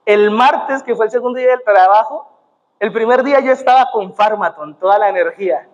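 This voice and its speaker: A young Colombian man preaches in a high voice, tossing in "amén" as he goes. His voice carries a long reverb from the church hall. The sound is muffled and dull. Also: brisk. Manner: punctuates with "amén" and "gloria a Dios". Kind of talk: sermon. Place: church sanctuary.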